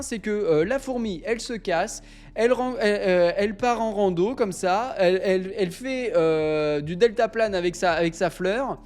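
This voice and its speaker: A young man hosting a live stream, chatting casually with viewers in an excitable, rambling way, often interrupting himself. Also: high-pitched. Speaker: livestream host.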